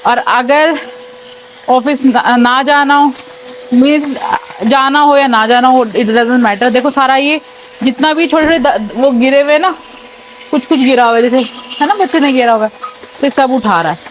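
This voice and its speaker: Chatty high-voiced young mom vlogging. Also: female voice, unhurried, slight background noise. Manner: chatty, mixes English into Hindi, talks to her child between lines. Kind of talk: casual home vlog chat. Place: home, indoors, while cleaning floors.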